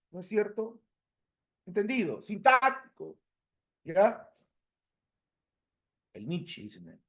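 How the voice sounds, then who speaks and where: Male teacher, high voice, very animated, unhurried delivery, keeps checking on the class. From Peru. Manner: asks the class for confirmation, mimics regional accents. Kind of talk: lively classroom lecture.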